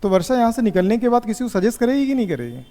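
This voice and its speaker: A man teaching physics in a classroom, asking students questions and dictating notes slowly. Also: very high-pitched, sing-song, mellow. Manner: slow dictation. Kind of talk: classroom lecture. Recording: echoey classroom reverb.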